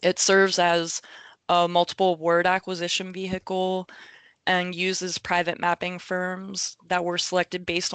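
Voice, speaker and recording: Woman presenting with many fillers, flat tone. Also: lowish voice, clean tone, no echo. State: losing her voice. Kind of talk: webinar presentation. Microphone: video call.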